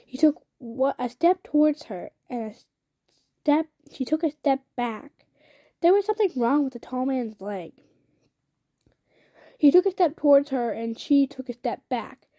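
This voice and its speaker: A woman's voice: high-pitched, warm tone. A young woman casually reading a novel aloud, often stumbling and restarting phrases. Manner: reads with frequent slips and restarts. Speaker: reader.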